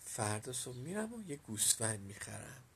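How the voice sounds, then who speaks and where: A man voicing a timid, wistful old village man in a storybook reading, in a soft, plain-spoken way. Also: medium pitch, sing-song, slight background noise. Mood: gentle.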